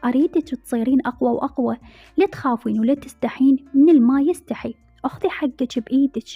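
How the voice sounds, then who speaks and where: A woman with an Iraqi accent voicing a gentle older grandmother who gives soft, earnest advice. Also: high voice, fast talker, slightly rough. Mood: tender. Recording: dull lo-fi recording with faint music.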